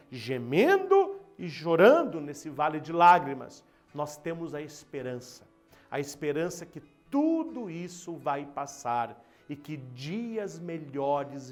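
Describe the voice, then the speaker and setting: Brazilian Portuguese male priest, emphatic sermon storyteller, unhurried, light instrumental music behind. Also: a little high. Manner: slow, dramatic, emphatic storytelling. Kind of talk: Easter sermon with a spoken parable.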